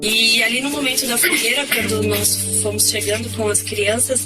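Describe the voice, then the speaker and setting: A woman recounts her testimony as a camp counselor, speaking in a steady storytelling manner at a middle pitch. Loud music runs underneath her voice the whole time. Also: normal speed. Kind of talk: personal testimony narration.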